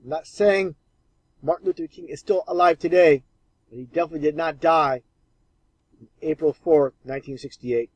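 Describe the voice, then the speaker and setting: A man with a slightly raised pitch talks over clips in a scornful, mocking tone. His voice is dry and close, with no room sound. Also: normal speed, long pauses, a little mellow, no room sound. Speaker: video narrator. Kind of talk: conspiracy commentary voice-over.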